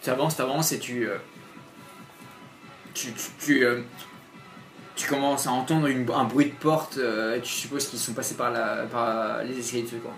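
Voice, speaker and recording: A man's voice: mid-range voice, fairly even intonation, fairly bright tone. A man narrating a horror tabletop game as game master, hesitating with many fillers. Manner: halting, filler-heavy narration. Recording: roomy echo, faint music.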